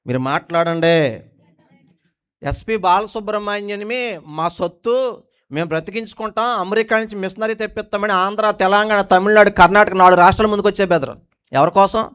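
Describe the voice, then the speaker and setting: A male pastor delivers a sermon in a high, smooth, resonant voice. He keeps throwing questions at the congregation and drops from forceful emphatic lines to quiet, low asides. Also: a little fast. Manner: preaching with call-and-response questions to the congregation.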